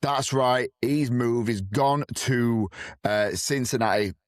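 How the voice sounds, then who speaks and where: A man's voice: medium pitch, takes it slowly, dry recording. A young man co-hosting a casual sports podcast from a kitchen, upbeat and teasing. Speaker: podcast co-host.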